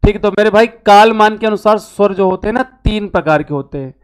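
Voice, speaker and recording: Male language tutor, exam-prep lecture, smooth clear voice, asks and answers his own questions. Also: sits high, fairly quick. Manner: repeats key terms for emphasis. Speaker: Hindi teacher.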